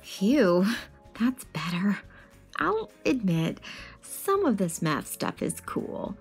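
With faint music behind her, a woman performs the part of a dramatic, grumbling math-skeptic reader arguing with an alien in a picture book read-aloud. She speaks slowly in a sing-song, medium-pitched voice with a breathy edge, heavily acted and emphatic.

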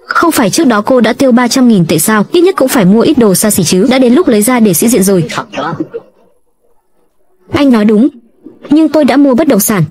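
A woman's voice: a little high, animated, fairly quick, long pauses, darkish tone. A woman evenly reading a dubbed drama. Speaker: drama recap narrator.

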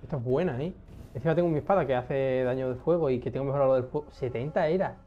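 A young man giving casual gameplay commentary, excitable, swearing often and talking to himself as he plays. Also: medium pitch, quick pace, highs cut off. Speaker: gaming streamer.

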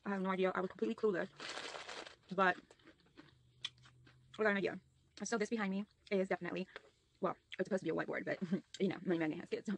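A woman vlogging casually to her phone camera at home, chatty and giggly, with many fillers and quick bursts of talk. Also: mid-range voice, fairly even intonation, vocal fry, a little hiss or hum. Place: home, in front of a whiteboard.

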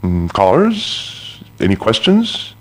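A smooth robot radio host. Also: male voice, on the low side, huge pitch swings, slow, heavily acted. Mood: smooth, superior. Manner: smooth radio-host patter with sudden menacing swings. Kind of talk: video game radio show acting.

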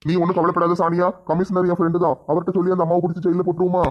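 A woman voicing a calm, doting middle-aged father who soothes his daughter. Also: on the low side, very fast, highs cut off, voice pushed down, close to an everyday voice. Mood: soothing. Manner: soothing, reassuring.

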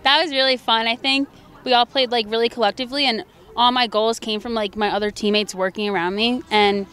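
A woman's voice: on the high side, steady tone, a little fast, a bit bright, clear, resonant tone. A young woman college athlete giving a postgame interview outdoors at a stadium, speaking into a handheld mic in a bubbly way, full of "like". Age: young adult. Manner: bubbly, peppers talk with "like". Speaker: college player. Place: outdoor stadium by a sports field. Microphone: handheld interview mic held in front.

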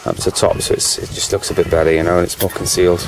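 A man's voice: sits low, level tone, very fast, low-quality recording. A British man chatting casually on his own channel, rambling and peppering his talk with "you know", at times with a cigarette in his mouth. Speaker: vlogger.

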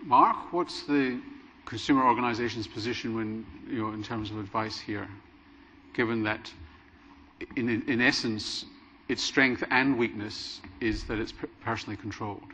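A man's voice: medium pitch, fairly even intonation, normal speed, sharp tone, a little hiss or hum. A middle-aged man moderating a conference panel, asking probing, leading questions and giving the closing remarks. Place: large conference hall stage. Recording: dull sound with hall reverb.

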